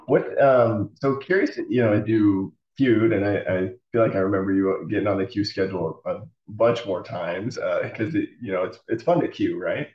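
A man hosting a podcast interview, asking slow, encouraging questions and affirming his guest. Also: lowish voice. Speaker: podcast host. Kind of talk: casual interview. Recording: roomy, distant, dull lo-fi audio.

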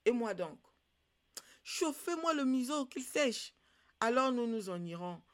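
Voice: medium pitch, measured pace, voice pushed up. A storyteller voicing a stubborn, proud storybook dog. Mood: indignant. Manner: raised excited grumbling voice. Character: stubborn proud dog who refuses to leave.

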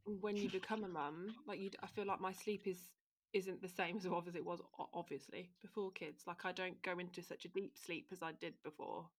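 A young woman chats on a podcast, her voice sitting a little low. She tells stories in a lively, rambling way with plenty of fillers. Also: fairly quick. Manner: chatty, animated storytelling with fillers. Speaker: podcast co-host. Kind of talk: casual chat.

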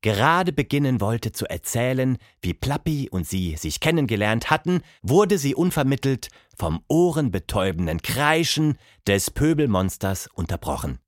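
A man narrating a children's audiobook with expressive, dramatic storytelling. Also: medium pitch, normal speed, few pauses, dry recording, studio quality.

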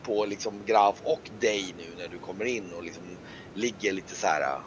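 A man's voice: fairly low pitch, a little hiss or hum, poor audio. A man narrating a tabletop game as game master, rambling and repeating words as he describes scenes.

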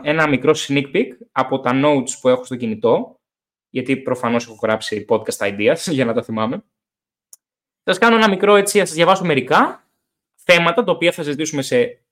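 A young man hosting a casual podcast, talking in an animated way, swearing and acting out stories about drinking. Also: fairly high pitch. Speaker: podcast host.

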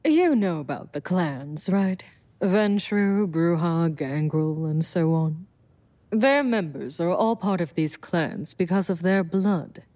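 A woman's voice: on the low side, lively intonation, slow, mellow. A woman voicing a confident, protective female vampire sire with a wry, self-assured manner in an audio drama.

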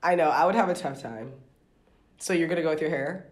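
Podcast host, woman, low voice, chatty and giggly, lots of "like" and "um". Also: brisk. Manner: giggly, rambling with many fillers. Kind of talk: casual podcast chat. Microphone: remote call.

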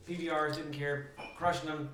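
A man's voice: fairly high pitch, little pitch movement, normal speed, a bit bright, roomy sound, distant mic, a little hiss or hum. A man talking candidly and casually on a podcast, swearing freely. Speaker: podcast co-host. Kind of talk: casual chat.

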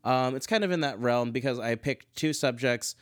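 A man's voice: mid-range voice, normal speed, no echo, clean studio sound. A man hosting a casual solo commentary show, chatty and self-deprecating, wandering off on tangents. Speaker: podcast host.

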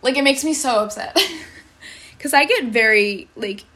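A woman's voice: a little high, a little slow, sharp tone. A teenage girl venting about school in a casual vlog, exasperated, swearing and saying "like" constantly. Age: teens. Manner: exasperated, swears a lot, many likes. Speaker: high school student.

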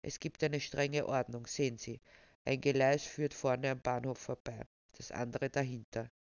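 A woman voicing a calm, pedantic male railway official who lectures in a dry, unbothered way. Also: mid-range voice, a little slow, gravelly, clear, resonant tone, no room sound, dull audio, voice pushed down.

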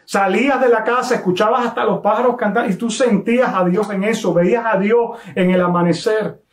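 Man, pastor, sermon, storytelling, emphatic, high voice, roomy echo. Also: steady tone. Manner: storytelling, emphatic with slow stressed phrases.

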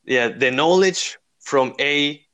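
A man's voice: on the high side, takes it slowly, a bit bright. A young man from Rica, answering interview questions in an earnest, searching way, full of fillers and restarts. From Costa Rica. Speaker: guest. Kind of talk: interview conversation.

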